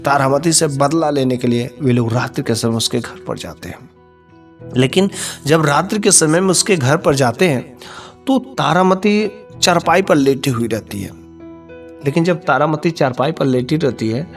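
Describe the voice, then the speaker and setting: A male storyteller tells a folk tale in a homespun way and often repeats himself. His voice is gravelly and sits a little high. Faint music plays underneath.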